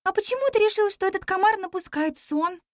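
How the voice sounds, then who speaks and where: A woman voicing a bold, quick-witted young girl heroine in a storybook reading, with a high, bossy, lively voice. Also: no room sound, studio quality.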